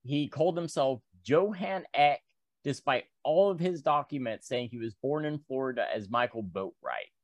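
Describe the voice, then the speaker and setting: A man's voice: medium pitch, lively intonation, moderate pace, dry recording, highs cut off. A man co-hosting a podcast, casually running through odd news stories with lots of ums and asides. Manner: rambling, filler-heavy news rundown. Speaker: podcast co-host. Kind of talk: casual chat.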